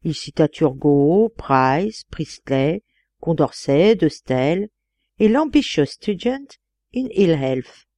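A woman narrating a literary audiobook in a deliberate, expressive reading. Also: low-pitched, dry recording. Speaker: audiobook reader.

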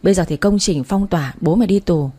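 A woman voicing a harsh, scornful middle-aged aunt who talks loudly and curses, in a storybook reading, with a low, husky voice. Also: quick pace, close to an everyday voice. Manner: loud, cursing, contemptuous.

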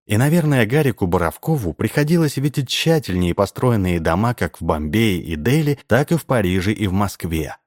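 A man narrating a story in a calm, even storytelling manner. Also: fairly low pitch, no echo, clean studio sound. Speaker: audiobook narrator.

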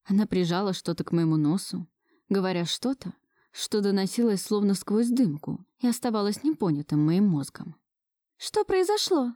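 A woman reading a first-person story aloud in a steady, even way. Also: mid-range voice, moderate pace, no echo, studio quality. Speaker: audiobook reader.

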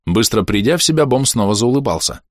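A man's voice: medium pitch, lively intonation, fast, dry recording, clean studio sound. A man narrating a first-person fantasy audiobook in a colloquial, wry manner.

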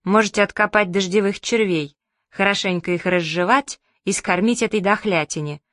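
A woman voicing a stern, sharp-tongued elderly grandmother in an audiobook, grumbling and sarcastic. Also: medium pitch, normal speed, no room sound, studio quality, lightly acted. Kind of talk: audiobook character voice.

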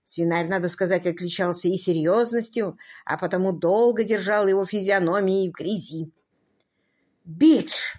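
A woman narrating an audiobook in an expressive, wry manner. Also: lowish voice, moderate pace, few pauses.

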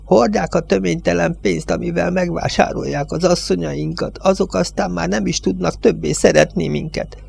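A high, bleating old village judge, angry and afraid, muttering his grievances, as a man puts him on. The voice climbs well above the reader's own with a gravelly edge. An audiobook figure. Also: fairly even intonation, hardly any pauses, a little mellow. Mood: grumbling. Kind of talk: audiobook reading.

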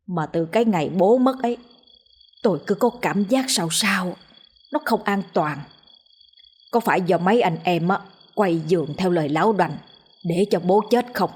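A woman's voice: lowish voice, darkish tone, breathy edge. Woman voicing a frightened village husband. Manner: agitated and fearful. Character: shaken middle-aged village man, fearful and anxious.

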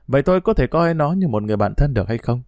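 A man's voice: mid-range voice, expressive, rapid-fire, darkish tone, no echo. A man narrating a first-person story. His delivery is wry, reflective and conversational, in a mid-range voice. The sound is close and dry.

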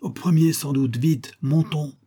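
A man voicing a male police commissioner who calls out urgent orders in an audiobook, his voice raised higher and louder than his usual narration. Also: big pitch swings, normal speed, husky. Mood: commanding. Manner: urgent, commanding shouts. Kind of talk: audiobook character voice.

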